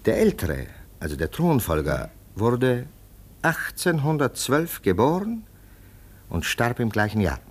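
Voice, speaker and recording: In a German radio play, a man acts a scornful, self-assured police lieutenant in a confiding mood. His husky, medium-pitched voice is emphatic, sardonic, and exaggerated, with huge pitch swings at a measured pace.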